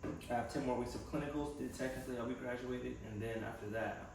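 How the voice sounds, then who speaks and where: Thinking out loud in his personal vlog, a young physical therapy assistant student and vlogger rambles reflectively and casually. He speaks a little fast at medium pitch with fairly even intonation, captured from afar in an echoey room with some faint noise.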